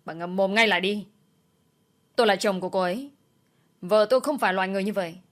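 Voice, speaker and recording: A woman's voice: mid-range voice, fast talker, close to an everyday voice. A woman doing an indignant young husband. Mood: angry. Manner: forceful, indignant. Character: angry young husband defending his wife.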